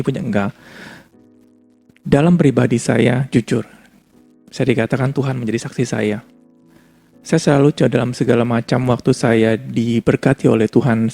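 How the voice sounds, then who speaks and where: A man's voice: medium pitch, gravelly, dark tone. A man preaching a casual, chatty sermon, often laughing and acting out little scenes. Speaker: pastor.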